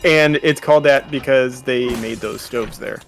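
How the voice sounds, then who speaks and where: A Californian man in his thirties, medium-pitched and speaking at a normal pace, co-hosts a casual chat while watching a game. He's easygoing, heavy on fillers, and chuckles often, with soft music in the background.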